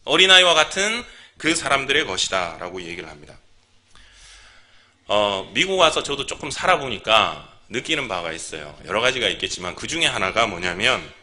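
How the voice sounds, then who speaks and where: A man from Korea gives a sermon in a church. His voice is very bright and sharp, and his pitch swings widely as he talks. He engages the congregation with questions. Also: very animated, normal speed. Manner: acts out the people in the story. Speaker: pastor.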